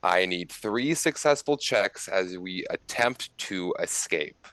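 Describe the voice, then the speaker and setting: Low-voiced man running a tabletop game. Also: animated, fairly bright tone, no echo. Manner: casual, halting with many fillers. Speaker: game master.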